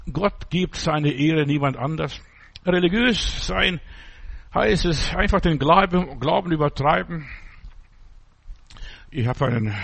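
Gravelly blunt male preacher. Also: on the high side. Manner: blunt, mocking, speaks in short broken phrases. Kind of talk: informal sermon.

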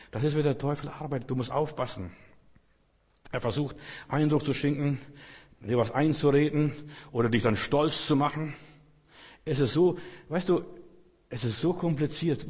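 A man's voice: medium pitch, darkish tone, slightly rough. A male preacher giving a sermon, speaking directly to his listeners with rhetorical questions. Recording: long hall reverb.

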